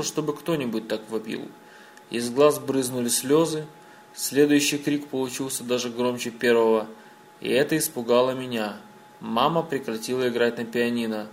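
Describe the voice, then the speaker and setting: Man, mid-pitched, audiobook narrator, measured, first-person storytelling. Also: a little hiss or hum.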